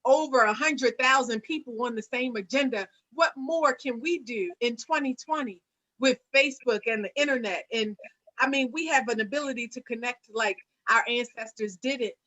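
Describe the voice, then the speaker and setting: Woman hosting an online panel, bright high-ish voice, earnest, lots of ums. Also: moderate pace, rough recording. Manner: earnest, preacher-like cadence with frequent fillers. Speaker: host; singer.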